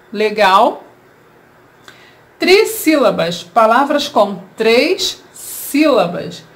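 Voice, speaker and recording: A woman with a Brazilian Portuguese accent teaching a children's grammar lesson, explaining slowly and asking rhetorical questions. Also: medium pitch.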